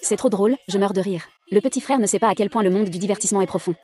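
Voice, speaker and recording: Woman, quick delivery, mellow tone, even dubbed-drama narration, one voice for all roles. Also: mid-range voice. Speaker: narrator voicing every character. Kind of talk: fast dubbed drama read-through.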